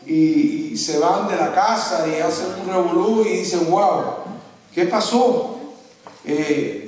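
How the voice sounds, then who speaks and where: Pastor guy preaching slow, high voice, real echoey church, kinda far from the mic. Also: darkish tone. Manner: storytelling preacher, calls listeners brother, acts out quotes. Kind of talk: sermon.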